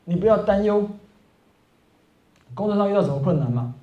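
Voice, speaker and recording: A man preaching a Sunday sermon in a conversational way, asking rhetorical questions and filling pauses with "ah" and "oh". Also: high voice, lively intonation, warm tone. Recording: roomy, slightly dull church recording.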